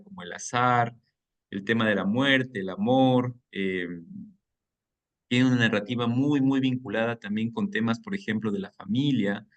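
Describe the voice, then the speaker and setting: A man's voice: medium pitch, fairly bright tone. A man moderating an online reading club meeting. He talks in a friendly, chatty way, chuckles often and explains things at length.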